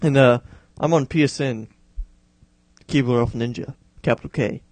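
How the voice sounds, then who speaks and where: A young man co-hosting a podcast in casual chat, laid-back with quick asides. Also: mid-range voice, a little mellow, no echo. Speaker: podcast co-host.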